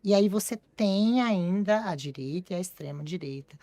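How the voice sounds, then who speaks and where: A woman's voice: lowish voice, expressive, normal speed, warm tone, dry recording. A woman from Brazil hosting a podcast, chatting and prompting her guest. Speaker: podcast host. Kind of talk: casual podcast conversation.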